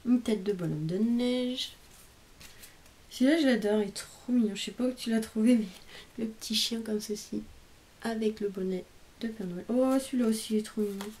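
A woman's voice: on the high side, normal speed, mellow. A woman hosting a craft video, chatting casually and gushing over cards and stamps she has received, stumbling a little over English phrases. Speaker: craft channel host opening mail. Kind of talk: casual unboxing chat.

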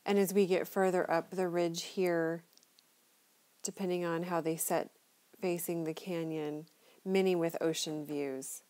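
A woman's voice: on the low side, steady tone, measured pace, warm tone. A middle-aged woman chatting enthusiastically as she narrates a tour of her neighborhood from inside a moving car. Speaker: local real estate tour guide.

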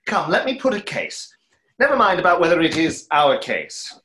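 A man in his thirties reads the part of a wistful, self-doubting stage conjurer in a play over a video call, sounding hesitant and reflective in a storytelling mood. His exaggerated voice is on the high side and sharp, with huge pitch swings and a moderate pace. He's in a small home room, and the call adds a roomy echo.

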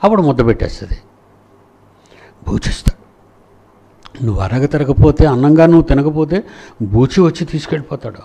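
A man's voice: fairly high pitch, expressive, a little fast, pauses often, dark tone. A man preaching a sermon, retelling nursery rhymes in a sing-song storytelling way.

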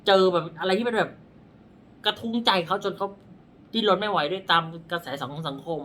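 A palm reader, a man with a high, bright, forceful voice, talks fairly quickly in a casual explanatory way. He's blunt and rambling, corrects himself as he goes, points at his own hand, and sounds dry-throated. There's a little hiss or hum.

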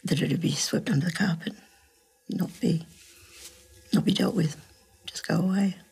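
A woman's voice: fairly low pitch, moderate pace, gravelly, darkish tone, slightly rough, rough recording. Tearful, whispery mother. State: crying. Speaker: interviewee, mother.

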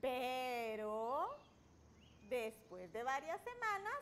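A woman's voice: sits high, big pitch swings, drawn-out words, a bit bright, a little hiss or hum. A middle-aged woman, a guest author, telling things expressively for young children.

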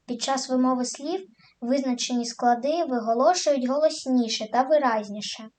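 A woman teacher giving a scripted lesson, stressing each example word clearly. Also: high voice, normal speed, a little mellow. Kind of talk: scripted educational narration.

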